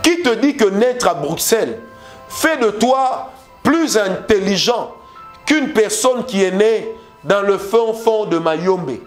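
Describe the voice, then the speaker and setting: Preaching with a Congolese French accent, this man speaks slowly in a high-pitched voice with lively intonation. He presses his message through rhetorical questions and repeated phrases. Faint music plays in the background.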